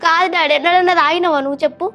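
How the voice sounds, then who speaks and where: A woman's voice: very high-pitched, steady tone, racing, sharp tone, faint music behind, heavily acted. An actress with a Telangana Telugu accent playing a distressed young daughter who reproaches her drinking father. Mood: reproachful. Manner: reproachful, urgent. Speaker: actress in a family web drama. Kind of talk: dialect family drama acting.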